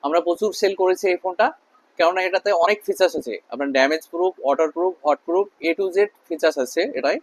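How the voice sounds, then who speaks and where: A man giving an emphatic, repetitive sales pitch as a shopkeeper in a promotional video. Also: fast talker. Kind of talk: sales pitch to camera with customer chat.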